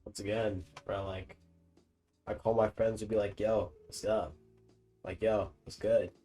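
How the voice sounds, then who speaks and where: Faint game music runs under this young man's playthrough commentary as he reacts to a game on stream. He sounds casual and amused, using plenty of slang and swearing, though his fairly low voice has a flat, unhurried, dark-toned delivery.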